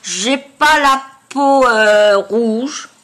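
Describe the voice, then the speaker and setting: A woman chatting casually to viewers in a product review, with a congested, honking nasal voice and a halting delivery as she searches for words. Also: fairly high pitch, fairly bright tone. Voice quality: nasal, honking, duck-like voice from blocked sinuses. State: congested with sinusitis. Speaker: beauty vlogger.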